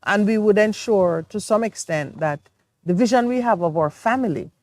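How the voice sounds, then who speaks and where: A woman's voice: mid-range voice, normal speed, darkish tone, no room sound. A woman co-hosting a morning talk show, explaining her views in an earnest, reflective way. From Jamaica. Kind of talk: studio talk show discussion.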